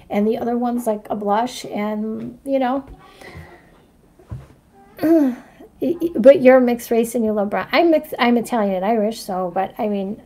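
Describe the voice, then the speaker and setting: A chatty woman in her forties with a slightly high voice, talking casually to viewers in a livestream. She rambles from one point to the next and keeps checking in with "right?" and "you know what I mean?". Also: creaky, a little mellow. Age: 40s. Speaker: astrology vlogger showing her makeup routine.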